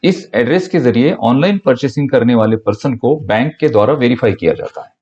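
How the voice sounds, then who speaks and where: A man's voice: medium pitch, lively intonation, fairly quick, darkish tone, dull audio. A man patiently explaining a payment procedure step by step in a short instructional audio. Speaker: online business mentor.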